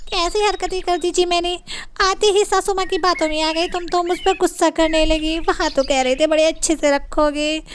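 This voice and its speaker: A naive young bride fresh from the village, voiced by a woman, speaking in a rustic, innocent, chatty way. The voice sits high and bright. It suits a cartoon moral story. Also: steady tone, normal speed, a little hiss or hum. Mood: complaining.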